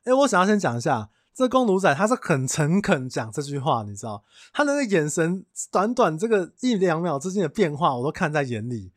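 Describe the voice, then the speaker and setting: Young guy chatting on his podcast, kinda high voice, super animated, dry close sound. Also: dry recording. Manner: chatty storyteller, amused, quick to laugh. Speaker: podcast host. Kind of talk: casual podcast monologue.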